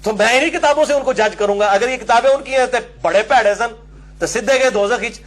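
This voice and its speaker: A man's voice: very high-pitched, fast talker, a bit bright. A man giving an emphatic, argumentative religious lecture, citing books and asking helpers to show pages. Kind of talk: religious lecture with book references.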